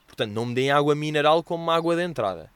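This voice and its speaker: A young man with a European Portuguese accent hosting a podcast, telling stories in a casual, slangy, animated way and acting out what others said. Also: fairly high pitch, racing, clean tone, no room sound. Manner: slangy and animated, acts out quoted dialogue with exaggerated voices. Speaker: podcast host answering listener questions. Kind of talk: casual storytelling chat.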